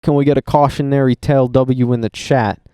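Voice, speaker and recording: A man's voice: medium pitch, fairly even intonation, brisk, mellow, dry recording, clean studio sound. A man giving a rambling, profane, sarcastic voice-over commentary for his own video. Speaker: commentary YouTuber. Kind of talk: casual reaction voice-over. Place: voice-over recorded at a computer.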